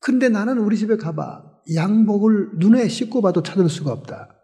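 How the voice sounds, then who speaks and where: A pastor putting on a humble young man from a poor family who gently explains himself. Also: sits high, lively intonation, moderate pace, long reverb tail. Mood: gentle.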